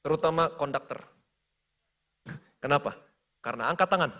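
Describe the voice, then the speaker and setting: A male pastor preaching a sermon in a church, telling a story dramatically and moving between hushed and loud delivery, with English phrases mixed in. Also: on the high side, moderate pace. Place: church hall. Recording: long church hall reverb.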